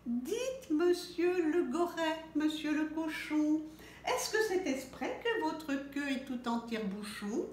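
A woman's voice: high voice, big pitch swings, takes it slowly, a little mellow, very echoey, a little hiss or hum, pitched above the performer's own voice, heavily acted. Woman voicing a chatty little chick. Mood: curious. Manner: endless eager questions.

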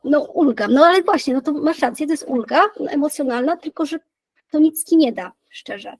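Woman psychologist, high-pitched, dry close recording, casual explaining, many restarts. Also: moderate pace, a little mellow, no echo, low-quality recording. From Poland. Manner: thoughtful, many fillers and restarts.

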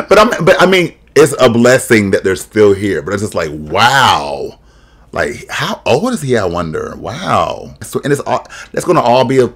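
This lowish, somewhat bright voice belongs to a young man hosting a reaction video in a small room. Recorded on a desk microphone and webcam, his casual commentary is full of sassy, shady humor and frequent laughter.

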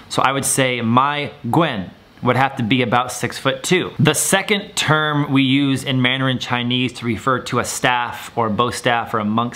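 A man's voice: medium pitch, bright, forceful tone. A young man, a martial arts instructor, explaining terms in a video lesson and repeating words for viewers to copy.

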